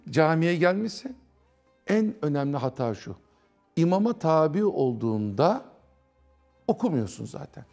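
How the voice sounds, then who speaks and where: Male TV preacher, gravelly, higher-pitched, lively and conversational, faint music underneath. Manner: animated, conversational, mimics others. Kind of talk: religious talk on TV.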